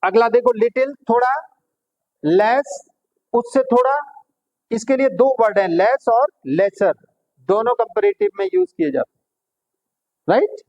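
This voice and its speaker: High-voiced man teaching grammar slowly. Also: sing-song, darkish tone, dull audio. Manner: explains patiently, quizzing students with "clear?" and "right?"; addresses pupils as "beta". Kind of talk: classroom grammar lesson in Hindi and English.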